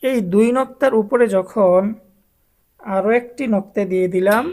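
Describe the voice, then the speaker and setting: A woman teaches Arabic letters to a class of adult beginners. She speaks at a slow, unhurried pace in an everyday mid-range voice. She draws out each letter name and repeats it so the learners can say it back. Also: medium pitch, a little mellow. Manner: drawn-out, repeated letter names for students to echo. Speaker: Quran teacher.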